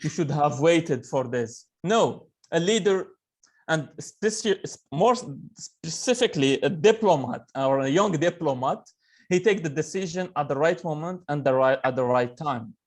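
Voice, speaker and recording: A man's voice: a little high, expressive, measured pace. Earnest young man from Algeria. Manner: earnest, many fillers and restarts. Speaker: webinar speaker. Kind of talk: motivational talk on a video call.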